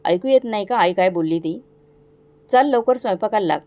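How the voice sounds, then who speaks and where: A woman voicing a cruel, angry young husband in a storybook tale, speaking in sharp commands. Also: mid-range voice, expressive, a little fast, lightly acted. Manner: shouting, commanding.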